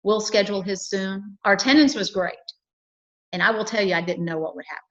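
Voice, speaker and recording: A woman's voice: mid-range voice, a little fast, fairly bright tone, lo-fi sound. A woman from a chamber of commerce, talking earnestly and cheerfully in a local cable TV interview, with lots of fillers and restarts.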